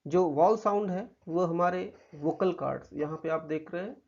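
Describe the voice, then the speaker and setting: Indian man, grammar teacher, patient explanations, gravelly voice, dull lo-fi sound. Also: on the high side, darkish tone. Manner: patient, explanatory, reads English examples slowly. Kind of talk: grammar lesson explaining slides. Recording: muffled lo-fi recording.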